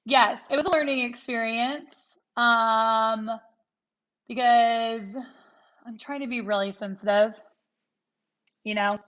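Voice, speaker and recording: A woman's voice: a little high, steady tone, slow, pauses often, a bit bright. A woman around thirty hosting a podcast, chatting casually and reflectively with many fillers. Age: 30s. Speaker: podcast host. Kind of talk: casual chat. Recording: dull lo-fi sound.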